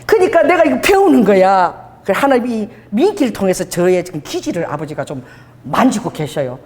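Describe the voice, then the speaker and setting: A woman pastor delivering a sermon in an animated, conversational storytelling manner. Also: medium pitch, brisk, in a large hall. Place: church hall.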